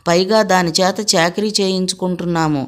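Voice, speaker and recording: A woman voicing an aging village mother who scolds and laments in a low, rather plain voice. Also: fairly even intonation, brisk, close to an everyday voice. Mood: bitter. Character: aging village mother, stern yet grieving.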